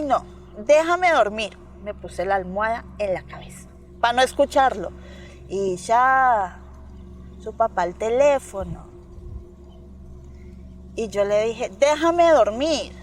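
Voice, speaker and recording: She speaks unhurriedly at a medium pitch, leaving long pauses while faint music plays behind her. A guest with a Colombian accent, she tells an animated personal story in an interview, imitating the voices involved and often checking in with "¿me entiendes?".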